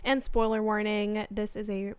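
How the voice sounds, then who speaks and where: A young woman co-hosting a casual book podcast, playful and slangy, quick to laugh. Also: medium pitch, little pitch movement, clear, resonant tone, dry recording. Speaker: podcast co-host.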